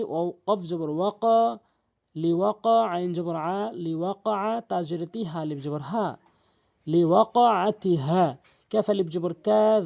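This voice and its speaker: A man teaching Quran reading, patiently spelling out each letter with its vowel, then chanting the verse slowly and drawn out. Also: high voice, vocal fry, mellow. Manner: patient, repetitive instruction with frequent pauses. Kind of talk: spelling-out recitation lesson.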